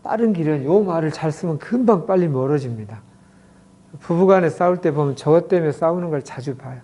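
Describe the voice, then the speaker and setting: A middle-aged clinic director lectures an audience on communication, speaking in a fairly high, expressive, warm voice. He explains things slowly, acting out many example quotes as he goes.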